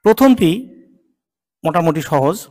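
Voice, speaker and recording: A man teaching English consonant sounds in a slow lesson. He says each sound patiently and repeats it several times. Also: fairly high pitch, animated, darkish tone, big-room sound. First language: Bengali. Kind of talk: slow spoken pronunciation lesson.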